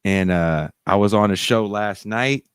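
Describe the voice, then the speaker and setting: A man's voice: lowish voice, a little slow, clean tone, dry recording, clean studio sound. A man talking brashly in casual podcast chat, joking and swearing freely. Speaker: guest.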